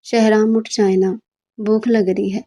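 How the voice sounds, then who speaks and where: An indignant young wife in a romance audiobook, scolding her sleepy husband, read by a female narrator. The tone stays mellow and close to the narration. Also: mid-range voice, level tone, natural voice.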